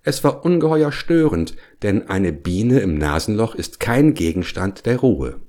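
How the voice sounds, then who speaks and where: Deep-voiced man reading a children's story. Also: big pitch swings, unhurried, dark tone. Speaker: narrator.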